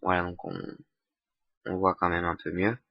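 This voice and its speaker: A young man giving a casual software tutorial, hesitant with many fillers and restarts. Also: sits low, monotone, normal speed, vocal fry, no room sound. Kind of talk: casual screen-recorded tutorial. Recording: dull lo-fi desktop mic.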